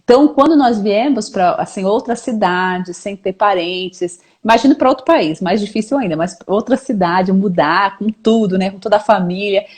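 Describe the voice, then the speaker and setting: A woman from São Paulo with a Brazilian accent talks earnestly about faith and courage in a live conversation. Her voice sits at an ordinary middle pitch, and she speaks in an encouraging, conversational way, often ending phrases with a questioning tag. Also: moderate pace, few pauses, darkish tone. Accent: Brazilian Portuguese, São Paulo. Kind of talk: faith-based live chat.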